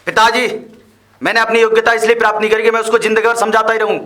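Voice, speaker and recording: Defiant, arrogant young son, played by a man, very high and bright. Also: completely flat delivery, racing. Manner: complaining, defiant. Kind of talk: amateur web drama acting.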